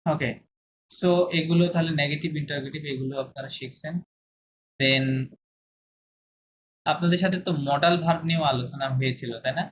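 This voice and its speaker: A man teaching a language class online, repeating examples slowly and checking with his students as he goes. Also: a little high, steady tone, a bit bright, low-quality recording. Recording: video call with clear background noise.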